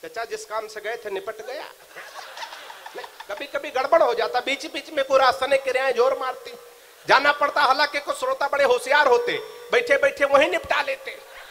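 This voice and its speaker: A man performing comic poetry on stage, bantering with the crowd and chanting his verses slowly. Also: very high voice, steady tone. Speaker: comic poet. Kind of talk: stand-up comic poetry at a live recital.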